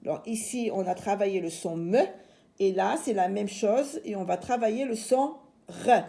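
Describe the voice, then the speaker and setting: A woman teaching young children a reading lesson from home, sounding out syllables slowly and reassuring them patiently. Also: mid-range voice, warm tone. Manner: slow, clearly segmenting syllables. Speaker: primary school teacher.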